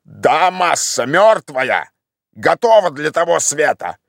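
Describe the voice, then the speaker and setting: A man voicing a timid, simple old male servant in an audiobook, calling down slowly and plaintively. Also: on the high side, sing-song, vocal fry, a bit bright, exaggerated voice. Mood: grumbling. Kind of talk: audiobook character voice.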